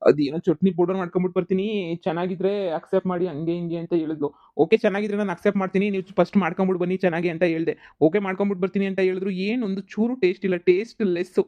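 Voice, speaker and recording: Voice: medium pitch, fairly even intonation, fast, muffled recording, lightly acted. A voice actor playing a strict young male businessman who lectures and rejects a seller's product. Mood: explaining. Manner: stern, lecturing, ends lines with "okay?". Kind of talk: cartoon voice acting.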